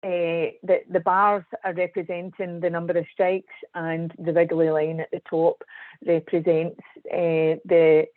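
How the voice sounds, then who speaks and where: A Scottish civil engineer presents a webinar as a guest speaker, her lowish voice keeping a level tone. Measured in pace, she hesitates with frequent ums. Tinny, dry online call audio comes through the video call with no room sound.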